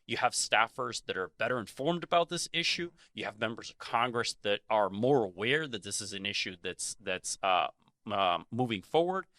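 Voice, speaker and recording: A man co-hosting a podcast, speaking in a measured way with many pauses and fillers. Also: on the low side, animated, sharp tone, no room sound. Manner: measured, many ums and you-knows. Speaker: podcast co-host. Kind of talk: conversational advocacy discussion.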